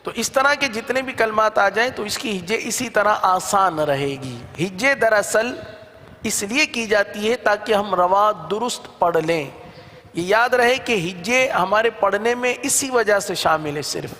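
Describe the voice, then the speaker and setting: A man teaching Quran reading, spelling out syllables in slow drawn-out chants between quick explanations, with an Urdu accent. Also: high voice, bright, forceful tone, in a large hall, slight background noise. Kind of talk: slow spelled-out recitation lesson.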